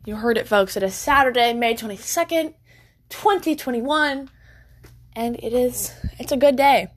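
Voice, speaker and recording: A young woman talks loosely to her viewers from home, her voice sitting a touch high. She rambles, giggles easily and keeps stopping to correct herself mid-sentence. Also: moderate pace. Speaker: vlogger. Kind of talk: casual chat to viewers. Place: at home by a window.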